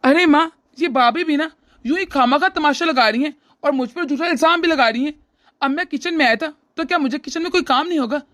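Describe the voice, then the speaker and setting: A woman's voice: high-pitched, fairly quick, fairly bright tone, no room sound, studio quality. Woman voicing a sly leering brother-in-law. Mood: smug. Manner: oily, smug, teasing. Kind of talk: cartoon voice acting.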